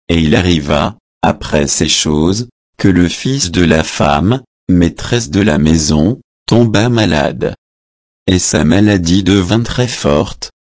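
A man reading a Bible chapter aloud in a measured voice, adding spoken footnotes as he goes. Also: deep voice, darkish tone, no echo, studio quality.

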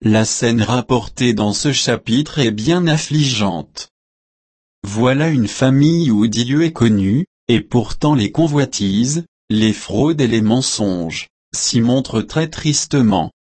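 Male scripture reader, measured and solemn; husky, dry close sound. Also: medium pitch, animated, a little mellow, no echo. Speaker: Bible reader and commentator. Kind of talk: scripture reading with devotional commentary.

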